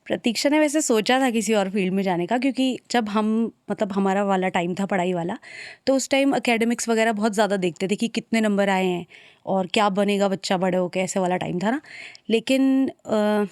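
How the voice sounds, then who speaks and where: A young woman from Uttarakhand, a singer, talking softly and a little hesitantly as an interview guest. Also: mid-range voice, brisk, no room sound, clean studio sound. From Uttarakhand, India. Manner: soft-spoken, shy, hesitant. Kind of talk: casual interview conversation.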